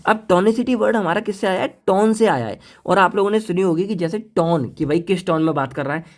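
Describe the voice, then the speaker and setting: एक पुरुष pharmacy lecturer, जो बातचीत भरे अंदाज़ में छात्रों को सीधे संबोधित करते हुए पढ़ाते हैं और हिंदी में अंग्रेज़ी शब्द मिलाते हैं।. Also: male voice, high-pitched, fairly quick. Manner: chatty teacher mixing Hindi and English terms; addresses students directly and playfully. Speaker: pharmacy lecturer. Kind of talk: casual classroom lecture.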